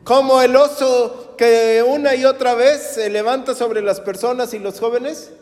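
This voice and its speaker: A man with a high, bright preaching voice delivers an animated sermon. He tells stories and acts out the voices of the people he quotes. The sound is roomy, with a long tail of reverb from a big hall. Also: a little slow. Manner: lively storytelling, acting out quoted people. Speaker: pastor.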